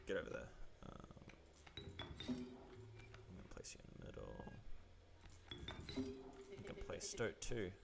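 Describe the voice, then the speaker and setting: A man's voice: low voice, wildly swooping pitch, a little slow, vocal fry, pauses often, noisy background. A man giving casual, playful commentary while playing a card game, thinking aloud and bursting into squeals and laughter. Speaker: gameplay streamer.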